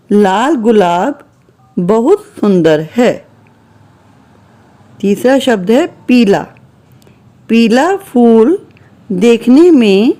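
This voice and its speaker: Woman schoolteacher, very slow, warm mellow tone. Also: on the high side. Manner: patient, slow and deliberate, reading out words one at a time. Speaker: teacher. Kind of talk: slow classroom exercise walkthrough.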